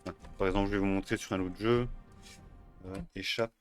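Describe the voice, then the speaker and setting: A man's voice: low-pitched, steady tone, fairly quick, soft background music. A man casually walking through emulator settings, hesitant, with many fillers and self-corrections. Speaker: tutorial host. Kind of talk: casual screen-recorded tutorial.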